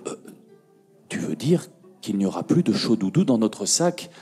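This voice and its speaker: A man's voice: lowish voice, sing-song, moderate pace, mellow, breathy edge, soft background music, full character voice. A man voicing a worried boy who asks an anxious, hesitant question.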